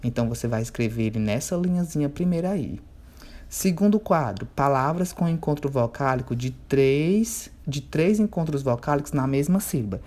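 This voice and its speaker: A man, teaching a remote workbook lesson to children. He checks in often and stretches words slowly when he spells out syllables. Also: medium pitch, animated, darkish tone.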